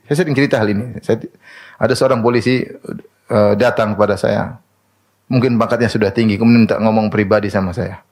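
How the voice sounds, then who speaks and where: Guy preaching, lively, asks and answers his own questions, mid voice. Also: medium pitch. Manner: animated, asks questions and answers them himself; recites Arabic verses. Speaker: Islamic preacher. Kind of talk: sermon to a women's study group.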